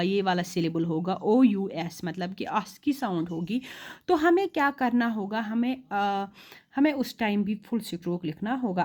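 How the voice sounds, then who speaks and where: A woman teaching shorthand in a classroom-style lesson, asking rhetorical questions and repeating words slowly. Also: medium pitch, darkish tone. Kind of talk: classroom lesson explaining rules.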